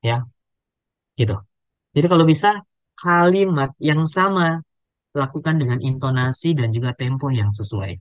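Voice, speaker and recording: Male public speaking trainer on a webinar, animated delivery, close dry sound. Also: medium pitch, moderate pace, long pauses, dry recording, dull audio. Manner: animated, demonstrates intonation with drills. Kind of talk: webinar lesson.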